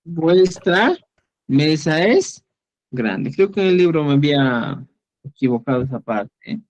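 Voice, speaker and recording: A man teaching an online class, explaining slowly and patiently, often checking that students follow. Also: fairly high pitch, sing-song, a little mellow, muffled recording. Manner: slow, patient, checks understanding with "¿ya?". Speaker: Quechua teacher.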